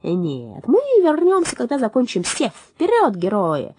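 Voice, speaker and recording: A woman's voice: a little high, huge pitch swings, measured pace, mellow, slight background noise. A woman voicing a bossy male bird who commands a band of mice in a storybook, speaking in a stern, commanding way.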